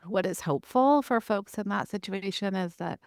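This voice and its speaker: A middle-aged woman, a parenting expert guest, talking in a conversational interview and acting out little parent-child exchanges with animated quoted asides. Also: mid-range voice, moderate pace, gravelly, no echo, studio quality.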